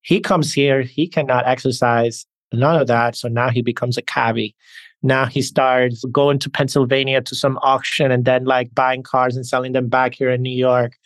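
Podcast guest, male, from the Dominican Republic, mid-pitched, earnest storyteller, dry close sound. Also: little pitch movement, moderate pace, no echo. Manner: earnest, reflective, talks in anecdotes. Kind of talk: conversational interview storytelling.

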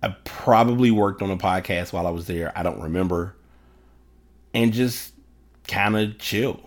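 A man's voice: low-pitched, normal speed. A man hosting a solo podcast, talking through his thoughts in a casual, rambling way with restarts and self-corrections. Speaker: podcast host. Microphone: desktop USB microphone.

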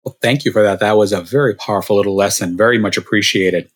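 A man's voice: on the low side, fast talker. A man hosting a podcast interview, thanking his guest and asking short follow-up questions in an upbeat way. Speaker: podcast host. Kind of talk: interview chat.

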